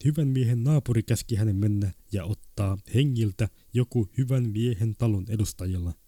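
Dark, husky-voiced male storyteller. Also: lowish voice, dry recording. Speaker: story reader. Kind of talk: reading short stories aloud.

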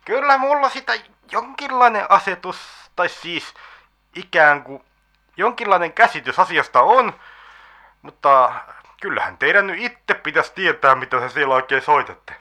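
A man's voice: high voice, expressive, sharp tone, voice pushed up, heavily acted. A man voicing a grumpy middle-aged male caller in a comedy radio sketch, with a pinched, whiny voice. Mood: grumbling.

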